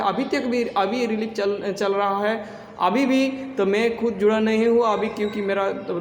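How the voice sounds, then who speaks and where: Man, yoga teacher, halting casual talk, throat clearing, long reverb, faint ambience. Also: high voice, a little hiss or hum. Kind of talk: casual spoken instruction.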